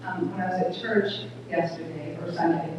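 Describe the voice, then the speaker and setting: A middle-aged woman with a small, thin voice giving an earnest public talk at a community event, speaking plainly with halting restarts. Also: fairly low pitch, steady tone, recorded from a distance, noisy background. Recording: echoey hall recorded from afar, dull.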